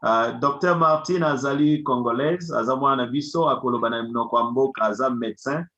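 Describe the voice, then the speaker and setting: A man's voice: medium pitch, fairly quick, pushed and bright. A man hosting an online community meeting, switching between English, Lingala and French in a casual way. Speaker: community group host. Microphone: video call. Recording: dull lo-fi video call audio.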